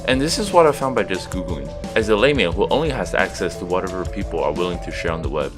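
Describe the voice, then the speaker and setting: A young man from Seattle whose first language is Chinese, reading a scripted video essay in a steady, explanatory way. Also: low voice, fast talker. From Seattle, USA. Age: young adult. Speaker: student narrator. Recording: music behind voice.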